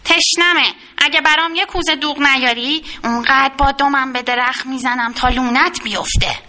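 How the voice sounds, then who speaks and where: A woman's voice: high voice, pushed and bright. A woman voicing a greedy, bullying male fox who makes threatening demands in a children's storybook reading. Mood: demanding.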